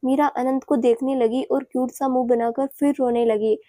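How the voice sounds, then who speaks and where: A woman narrating a romantic audio story in a steady, even storytelling manner. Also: high voice, moderate pace, no echo.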